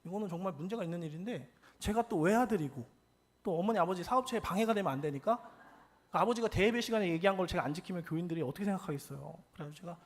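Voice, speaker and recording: A man's voice: high-pitched, very fast. A young adult man, a pastor from South Korea, preaching a storytelling sermon and acting out the quoted lines of people in his stories. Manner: animated, acts out quoted lines.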